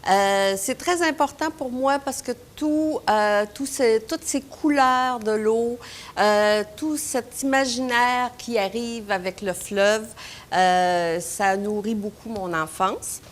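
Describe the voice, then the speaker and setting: A woman's voice: on the high side, takes it slowly. A middle-aged woman from Quebec with a Québécois French accent, a painter talking about her art in an interview, hesitant with many fillers and restarts. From Quebec, Canada. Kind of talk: interview, personal recollection.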